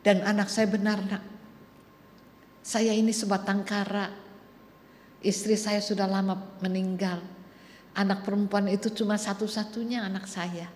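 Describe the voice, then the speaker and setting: A woman doing a worn-out lonely old grandpa, soft and plaintive, in an echoey church. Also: mid-range voice, a little hiss or hum, close to an everyday voice.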